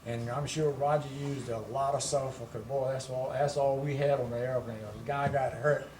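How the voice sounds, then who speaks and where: An elderly male veteran looks back on his wartime service. He speaks plainly and conversationally, as one remembering. The microphone is some way off, with clear noise around him. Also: mid-range voice, steady tone, moderate pace. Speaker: war veteran, interviewee. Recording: noisy room, distant microphone.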